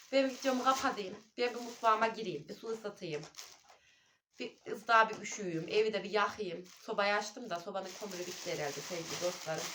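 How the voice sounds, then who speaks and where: A woman's voice: medium pitch, noisy background. A woman and mother chatting casually to her viewers at home on a phone camera, calling them her dear friends. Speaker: vlogger and mother. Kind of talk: casual home vlog chat. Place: at home indoors.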